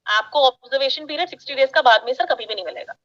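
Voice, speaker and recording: Pushy high-voiced woman on a call. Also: fast talker, a bit bright, dull audio. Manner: pushy, persuasive, talks over the caller. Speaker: education sales counselor. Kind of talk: sales call.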